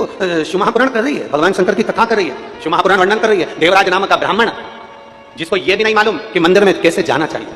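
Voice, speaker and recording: A man's voice: high voice, fairly bright tone, big-room sound. A man delivering a devotional scripture sermon to a large gathering, fervent and repetitive, breaking into sung verses. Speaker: religious storyteller.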